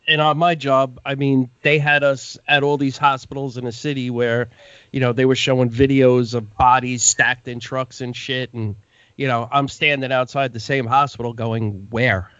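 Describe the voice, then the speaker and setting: A man's voice: medium pitch, level tone, moderate pace, fairly bright tone, no room sound. A man with a Brooklyn accent chatting casually as a podcast guest, blunt, streetwise and prone to swearing. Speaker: podcast guest, music industry veteran. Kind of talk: casual chat. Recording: dry, dull lo-fi audio.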